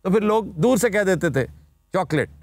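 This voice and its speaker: A man hosts a studio talk show and explains word origins like a teacher. His voice sits high and swings widely in pitch. The sound is dry and close. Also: lively intonation, normal speed, dry recording. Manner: explanatory, lecturing, formal Urdu vocabulary. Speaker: host.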